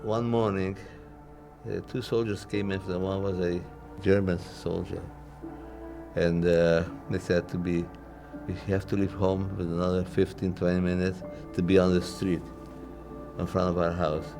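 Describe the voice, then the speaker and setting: An older man from Czechoslovakia giving recorded testimony as a Holocaust survivor, speaking slowly and haltingly with pauses. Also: low-pitched, level tone, over music. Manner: slow, halting, with pauses and fillers. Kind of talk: archival testimony interview.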